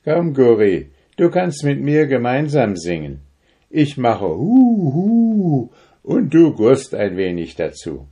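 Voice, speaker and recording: A man reading a children's story, voicing a kind, gentle male owl who comforts a friend. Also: medium pitch, huge pitch swings, slow, breathy edge, pitched above the performer's own voice, exaggerated voice. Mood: comforting. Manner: warm, comforting.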